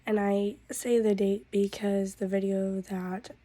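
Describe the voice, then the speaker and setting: Hoarse woman with a cold. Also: medium pitch, little pitch movement, warm tone, dry recording. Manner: drawn-out, weary talk with a cough. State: hoarse from losing her voice; stuffed up with a cold. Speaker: vlogger. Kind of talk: casual vlog update.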